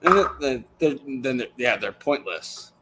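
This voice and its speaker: A man's voice: mid-range voice, animated, moderate pace. Man chatting over faint noise. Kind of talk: casual chat, anecdotes.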